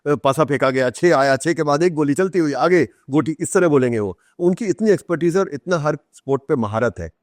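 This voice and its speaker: A middle-aged Indian man, an author, is a podcast guest, explaining and telling anecdotes conversationally while mixing in English phrases. His voice is a little high and expressive, a little fast with few pauses. The recording is dry and clean studio sound.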